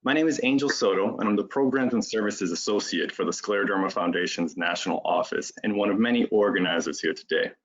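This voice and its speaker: A man's voice: on the low side, quick pace, hardly any pauses. Man reading a webinar introduction, lo-fi. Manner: reads from notes with frequent "um"s. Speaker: webinar organizer introducing the panel.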